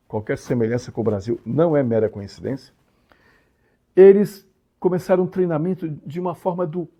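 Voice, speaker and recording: A man's voice: on the high side, mellow, slightly rough. A man from Brazil hosting his own channel, explaining a story in a casual monologue with frequent tag questions and emphatic swings. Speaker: channel host.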